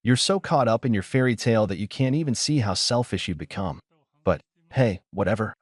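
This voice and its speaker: A man's voice: on the low side, lively intonation, brisk, breathy edge, dry recording, clean studio sound. A man doing a sarcastic, spiteful young woman. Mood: sarcastic, mocking. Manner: mocking, dripping sarcasm.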